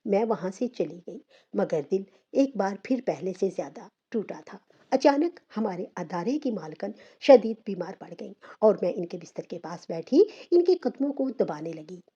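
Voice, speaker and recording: A woman's voice: medium pitch, very animated, normal speed, mellow, breathy edge, lo-fi sound. A woman narrating an emotional, sad first-person story in a heartfelt way.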